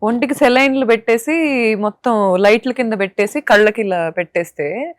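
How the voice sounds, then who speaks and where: In a dry, studio-quality recording, a young interview guest from Andhra Pradesh, India, speaks at normal speed in a fairly high voice. Her emotional testimony is fiercely indignant, punctuated by pointed rhetorical questions.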